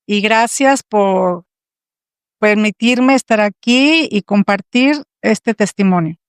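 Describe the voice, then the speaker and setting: A woman in her sixties with a Mexican accent, telling her faith testimony as a podcast guest in an earnest, measured way. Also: mid-range voice, smooth, dry recording, studio quality. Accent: Mexican Spanish. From Tampico, Mexico. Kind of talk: personal testimony.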